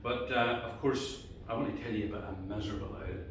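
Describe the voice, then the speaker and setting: A man's voice: lowish voice, fairly even intonation, a little fast. A Northern Irish man telling a folk tale live in colloquial language, building it with repeated phrases. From Antrim, Northern Ireland. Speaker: storyteller. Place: indoor cottage gathering. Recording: very echoey room, distant microphone, faint noise.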